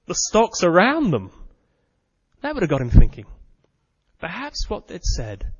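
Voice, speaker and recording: A man's voice: on the high side, fairly bright tone. A man preaching a sermon with earnest, dramatic storytelling. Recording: muffled sound with long hall reverb.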